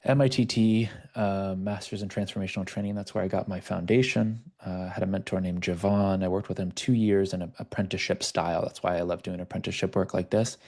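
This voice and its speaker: A man with a lowish, gravelly voice leads an online workshop as a life coach. He talks loosely and conversationally, drifting into stories. He is heard through a video call microphone. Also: steady tone, fairly quick, few pauses, darkish tone. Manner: conversational, storytelling.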